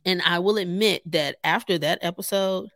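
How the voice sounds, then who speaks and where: A woman's voice: lowish voice, moderate pace, fairly bright tone, no echo, clean studio sound. A woman hosting her own podcast, talking casually and animatedly straight to her listeners, laughing often. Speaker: podcast host. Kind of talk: casual solo podcast talk.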